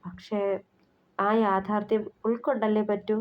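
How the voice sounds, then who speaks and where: A woman voicing a heartbroken young woman who speaks softly and with sorrowful resignation. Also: mid-range voice, little pitch movement, measured pace, natural voice. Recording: slightly muffled recording.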